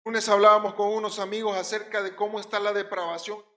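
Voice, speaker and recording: A male pastor with a Puerto Rican accent preaches an emphatic sermon quickly, in a high, ringing voice with little pitch movement. He alternates loud stressed words with quiet drops, and the church hall gives the sound a roomy echo.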